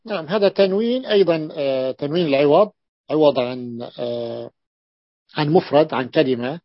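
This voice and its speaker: A man's voice: fairly high pitch, normal speed, no echo. A male sheikh teaching a grammar lesson to students, repeating and drawing out words to stress them. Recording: dull lo-fi dry recording.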